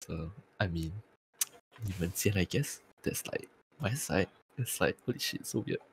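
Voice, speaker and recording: A man's voice: low-pitched, expressive, moderate pace, slight background noise. A man with a tired-sounding voice, chatting casually on a podcast and swearing freely. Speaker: streamer and podcast co-host.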